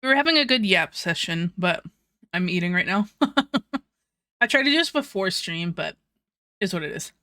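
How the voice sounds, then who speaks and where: A woman's voice: fairly low pitch, animated, normal speed, pauses often, pushed and bright, no room sound, studio quality. A young woman streaming, chatting casually with viewers while eating, laughing often and swearing freely.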